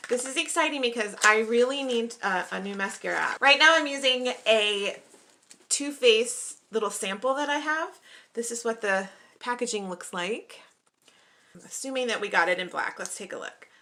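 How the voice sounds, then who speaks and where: Upbeat young female vlogger, bright voice, relaxed unboxing chat. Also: fairly high pitch, normal speed. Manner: chatty, upbeat, often says she is excited.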